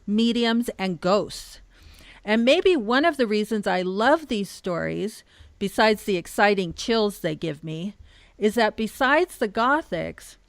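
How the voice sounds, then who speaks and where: A woman's voice: medium pitch, no room sound, clean studio sound. A woman co-hosting a podcast, reading a scripted introduction. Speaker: podcast co-host.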